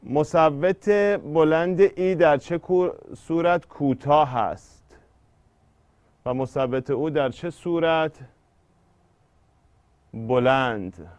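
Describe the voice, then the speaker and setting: A man's voice: medium pitch, a little mellow, smooth, no room sound, muffled recording. A man teaching an exam-prep poetry lesson, explaining step by step and drawing out syllables when he scans verse.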